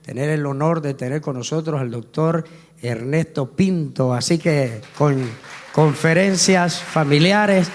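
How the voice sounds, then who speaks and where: Man, church host, slightly high voice, halting introduction with fillers. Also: slight background noise. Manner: hesitant, with filler words. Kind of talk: pulpit introduction.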